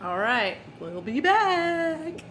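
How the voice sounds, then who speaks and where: A young woman co-hosting a home cooking show with her mother, bubbly and excitable about the food. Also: high-pitched, very slow, slight background noise. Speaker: co-host, host's daughter. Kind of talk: casual cooking chat.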